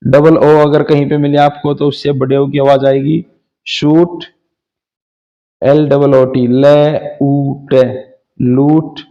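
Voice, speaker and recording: A male teacher walks through phonics at an unhurried pace, spelling words letter by letter. His voice stays level and mellow, and the recording sounds dull and lo-fi. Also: mid-range voice, flat delivery. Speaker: English teacher.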